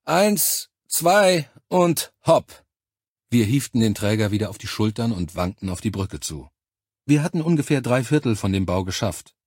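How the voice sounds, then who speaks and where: Man, audiobook narrator, calm measured first-person reading, dry close sound, low voice. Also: breathy edge, no echo.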